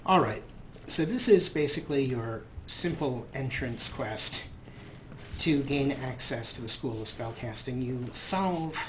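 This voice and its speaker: A Let's Play host with a medium-pitched voice narrates a game playthrough, animated and a little slow. He talks casually and playfully, slipping into in-character replies, with faint noise behind him.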